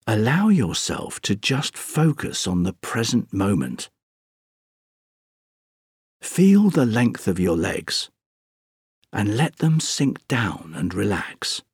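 A man narrating a scripted guided sleep meditation, speaking softly and breathily in a soothing, gentle, unhurried way with long pauses. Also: lowish voice, very animated, breathy edge, no room sound, clean studio sound.

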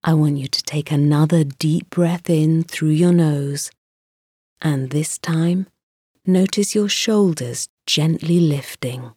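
A woman guiding a mindfulness meditation in a slow, soft, soothing voice with pauses. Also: deep voice, breathy edge, dry recording, clean studio sound. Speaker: meditation guide.

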